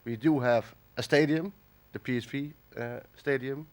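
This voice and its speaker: A Dutch man delivers a conference lecture in a conference hall while suffering from a cold. He speaks haltingly at a middling pitch, with plenty of fillers and restarts.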